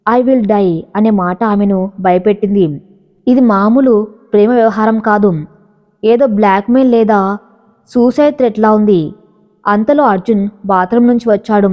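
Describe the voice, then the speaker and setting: A woman reading a dramatic romance story aloud in a steady storytelling manner. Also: medium pitch. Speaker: narrator. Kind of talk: scripted story narration. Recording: reverberant, slightly dull audio.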